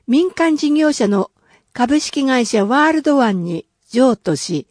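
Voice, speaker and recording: A woman announcer reads public notices with an unhurried, deliberate pace. Her voice is mellow and a touch higher than most, and she keeps her delivery formal and steady. The sound is close and dry. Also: no echo. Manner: careful, even, formal delivery. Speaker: announcer reading city notices. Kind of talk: scripted reading of public announcements.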